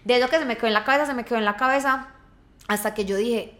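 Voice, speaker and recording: A woman's voice: a little high, racing, a bit bright, slight background noise. A young woman with a Colombian accent telling a personal story in casual podcast chat, quoting friends in changing voices. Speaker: podcast co-host.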